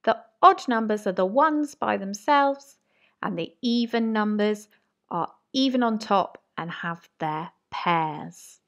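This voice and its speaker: A woman teaching a maths lesson to young children, talking slowly and encouragingly in a sing-song way. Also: mid-range voice, expressive, a bit bright. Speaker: reception teacher.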